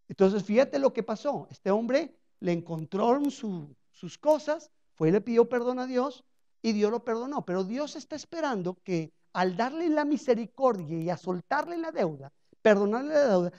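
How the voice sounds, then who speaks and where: A woman's voice: on the high side, dark tone. A woman teaching a parable in a radio sermon, preaching conversationally and often checking in with her listeners. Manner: conversational preaching with frequent rhetorical check-ins. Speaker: Bible teacher on a radio program. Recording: dull lo-fi radio recording.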